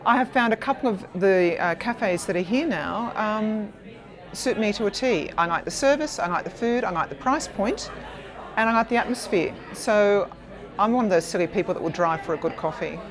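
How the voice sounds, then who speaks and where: A chatty woman with a mid-range voice tells lively anecdotes. A faint crowd is audible behind her. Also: medium pitch, normal speed, poor audio. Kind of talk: vox pop interview.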